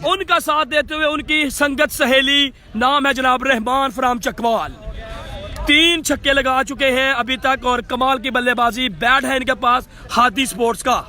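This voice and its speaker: A man giving excitable live cricket commentary, repeating phrases, stretching out calls and dropping in English phrases. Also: very high-pitched, a little slow. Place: outdoors at a cricket ground. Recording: outdoor crowd and traffic noise.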